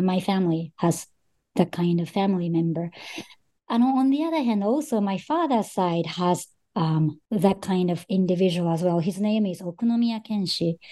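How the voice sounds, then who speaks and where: A woman's voice: lowish voice, mellow. A middle-aged woman from Japan, an author speaking in an interview, thoughtful and hesitant with frequent ums. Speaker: guest author. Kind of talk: interview conversation.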